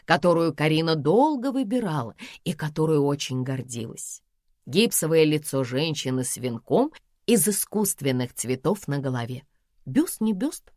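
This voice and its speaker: Low-voiced, lively woman narrator. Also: dry recording, clean studio sound. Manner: lively, expressive storytelling. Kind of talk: first-person audiobook narration.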